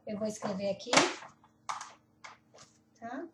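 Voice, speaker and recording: A woman teaching Norwegian pronunciation, slowly repeating words and laughing now and then. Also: medium pitch, far from the mic, very noisy. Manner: slow, repeats words carefully, laughs often. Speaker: language teacher. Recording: roomy echo, off-mic.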